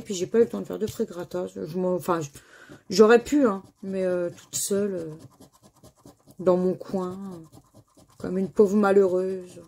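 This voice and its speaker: A woman's voice: mid-range voice, mellow. A woman with a French accent chatting to viewers while she scratches crossword lottery tickets and reads out letters and words.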